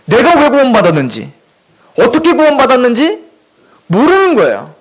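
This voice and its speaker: High-pitched, lively male preacher. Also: normal speed, slightly rough, low-quality recording. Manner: emphatic, full of rhetorical questions. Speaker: pastor. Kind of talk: sermon. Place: church.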